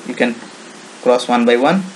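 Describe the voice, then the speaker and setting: Speaking with an Indian accent, a man demonstrates software in an informal screen-recorded tutorial, using non-native English phrasing and repeating himself often. His voice is mid-range at a moderate pace, and the home-made recording is noisy.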